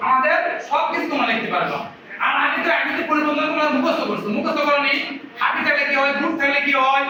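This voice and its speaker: A man's voice: extremely high pitch, pushed and bright, a little hiss or hum. A man teaching grammar in a classroom lecture, asking his students questions and answering them himself. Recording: echoey room from a distance.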